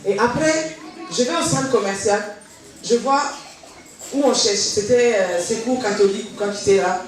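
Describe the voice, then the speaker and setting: At a moderate pace and in a mid-range voice, a woman recounts her church testimony, bringing it to life by performing the remembered dialogue. Heavy hall reverb, a far-off voice, and slight noise mark the recording.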